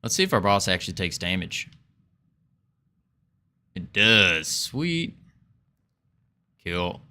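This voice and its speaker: A man's voice: low voice, slow pace. A man streaming his game development, chatting casually with viewers and thinking aloud as he works. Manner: relaxed, chatty, greets viewers, muses while working.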